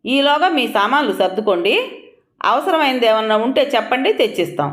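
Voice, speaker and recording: A woman's voice: a little high, expressive, a little fast, reverberant, lightly acted. A woman voicing a stern elderly father-in-law. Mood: decisive. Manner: commanding, gives orders patiently.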